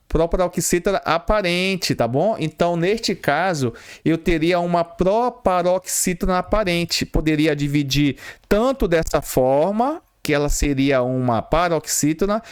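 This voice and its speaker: A man's voice: high voice, clear, resonant tone. A Brazilian Portuguese man teaching a grammar lesson for exam prep, explaining step by step and asking and answering his own questions.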